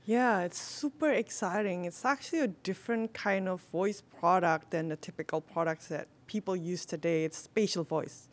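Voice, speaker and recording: A woman's voice: fairly low pitch, normal speed, hardly any pauses. A woman, a product manager and guest on a panel, explaining eagerly and with everyday examples in a casual discussion.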